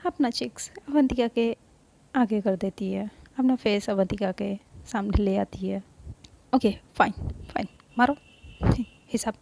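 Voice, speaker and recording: A woman's voice: medium pitch, creaky, darkish tone. A woman voicing a proud, stubborn young woman who stammers and then snaps with anger. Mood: defiant. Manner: stammering, then snapping angrily.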